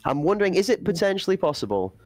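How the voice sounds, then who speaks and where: A man's voice: sits high, very animated, fast, darkish tone, no echo, faint music behind. A man commentating an esports playoff, breaking down play and building hype for the chat. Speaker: esports caster.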